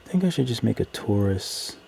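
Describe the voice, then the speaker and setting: A man's voice: on the low side, sing-song, fairly quick, darkish tone. A man casually talking through his work on a live stream, muttering to himself in trailing fragments close to the mic. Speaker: live streamer, digital artist. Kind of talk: casual live-stream commentary while working. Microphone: close microphone. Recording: clear background noise.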